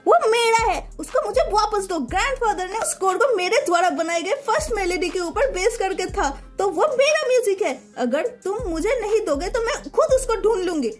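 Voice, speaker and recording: A woman voicing a wronged young noblewoman, pitching her voice high and speaking heatedly or tearfully. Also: very animated, moderate pace, hardly any pauses, soft background music. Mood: furious.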